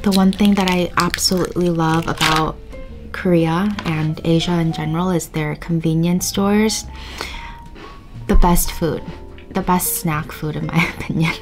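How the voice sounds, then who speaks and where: A woman's voice: on the low side, steady tone, a little slow, over music. A woman in her twenties vlogging in a small hotel room, tired and with a sore throat, chatting casually and laughing often. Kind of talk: casual vlog chat.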